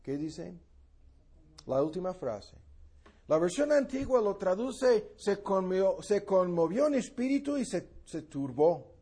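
Slow husky male preacher. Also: high-pitched, sing-song, dark tone. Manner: slow, emphatic, repeats key phrases. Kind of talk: sermon, Bible exposition.

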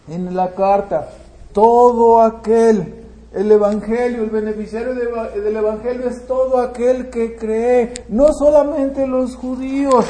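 Man preaching, high voice, mellow tone, questions answered himself, loud and hushed in turn, many restarts. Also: reverberant, rough recording. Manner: asks the congregation questions and answers them himself; swings between loud emphasis and quiet asides. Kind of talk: sermon.

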